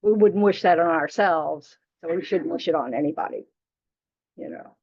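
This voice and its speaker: A woman with a lowish, gravelly voice edged with breathiness speaks at a moderate pace while teaching dharma casually to a small class. She is frank and chatty, teasing her students and often saying "you know." The recording is dull and lo-fi.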